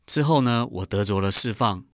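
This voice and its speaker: A man's voice: on the low side, normal speed, dry recording, clean studio sound. A middle-aged man earnestly telling his personal testimony in an interview. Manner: earnest storytelling, acts out quoted voices. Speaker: guest giving testimony.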